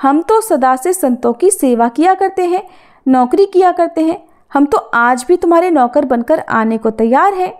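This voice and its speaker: A woman voicing Thakur ji, a gentle, loving male god, in a devotional story, speaking softly and reassuringly. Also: sits high, expressive, normal speed. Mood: tender.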